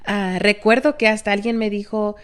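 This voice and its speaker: A woman co-hosting a podcast, telling a personal story in a candid, animated way and slipping English phrases into her talk. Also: mid-range voice, moderate pace, clear, resonant tone. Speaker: podcast co-host, teacher of girls.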